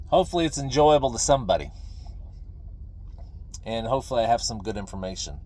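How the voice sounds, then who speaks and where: A middle-aged man talking casually and ramblingly to viewers, folksy and opinionated, halting and repeating phrases for emphasis. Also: lowish voice, darkish tone. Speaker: video creator, veteran pipe smoker. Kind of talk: casual rambling talk to camera.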